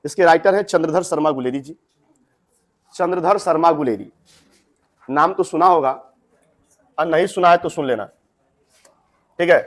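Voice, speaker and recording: A man's voice: fairly high pitch, normal speed, long pauses. A young man, explaining a story to students in a chatty way with direct asides. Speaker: teacher.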